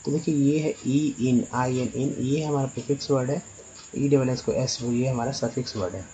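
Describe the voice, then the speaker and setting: A man teaching English pronunciation as a spoken lesson. He spells words letter by letter, slowly and with many repeats. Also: mid-range voice, warm tone, slight background noise, rough recording.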